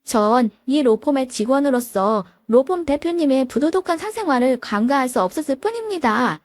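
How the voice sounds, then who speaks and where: A woman voicing a spiteful young female lawyer who talks down to her sister-in-law with shrill scorn. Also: expressive, normal speed, no room sound, studio quality. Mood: sneering.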